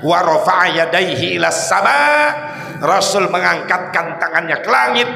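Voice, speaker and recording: A man with a Sundanese accent preaching a lively story sermon in a mosque, dramatic and emphatic, rising to shouts at the high points. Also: normal speed, vocal fry, echoey room, long reverb tail.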